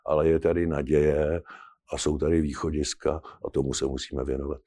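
A man commenting as a guest in a political discussion, speaking in an earnest, persuasive and measured way. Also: very deep voice, flat delivery, dark tone.

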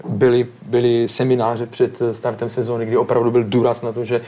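A man's voice: medium pitch, monotone, warm tone. A man speaking as a pundit in a casual football discussion, explaining at length and checking in with the others as he goes.

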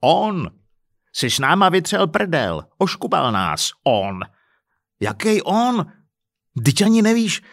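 A man voicing an indignant middle-aged husband who rants and shouts crudely about being cheated, in an audiobook story. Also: medium pitch, big pitch swings, husky, no echo, studio quality. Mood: furious ranting. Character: furious middle-aged man, swindled family.

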